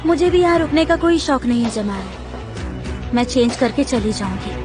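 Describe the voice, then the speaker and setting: A woman's voice: a little high, expressive, normal speed, close to an everyday voice. A woman dubbing a mocking, scornful young woman in a TV drama. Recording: dubbed dialogue over music.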